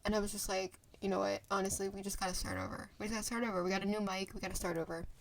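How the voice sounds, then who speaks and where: Talking fast into a phone camera, this twentysomething vlogger has a mid-range voice, fairly even intonation and vocal fry. Her chatter wanders, thick with fillers and self-interruptions.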